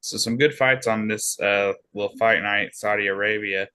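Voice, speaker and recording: A man with a low but bright, forceful voice on a podcast. He talks in a matter-of-fact way, reeling off lineups and facts one after another. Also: steady tone, moderate pace, smooth. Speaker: podcast co-host. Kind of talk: casual chat about fights.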